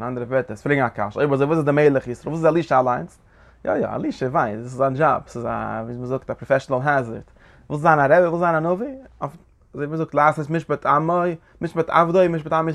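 A man teaching a Zohar lesson in an animated lecturing way, often asking his listeners short questions. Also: on the high side. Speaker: Torah teacher.

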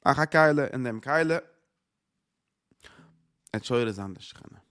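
Guy teaching torah, keeps repeating himself and asking questions, mid pitch. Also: expressive, measured pace, a bit bright. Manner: repetitive, rhetorical questioning. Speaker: religious teacher. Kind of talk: Torah lecture.

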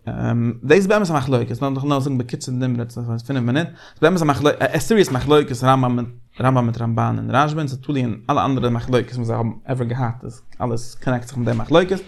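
Fast-talking gravelly man in study debate. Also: medium pitch. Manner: rapid, animated, repeats phrases while thinking. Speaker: Torah study discussant. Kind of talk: casual Talmudic study discussion.

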